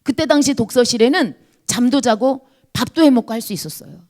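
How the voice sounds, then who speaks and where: A woman, a pastor's wife, giving an earnest, confessional testimony to a church congregation. She speaks to the listeners directly and sometimes drops to a hushed whisper. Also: animated, a little fast. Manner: earnest confessional storytelling, dropping to a hushed whisper at low points.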